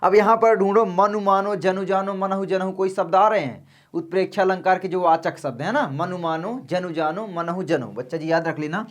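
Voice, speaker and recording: Male tutor, calm and unhurried, soft-spoken, repeats key points for students. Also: high-pitched. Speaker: teacher. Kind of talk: exam-prep lesson.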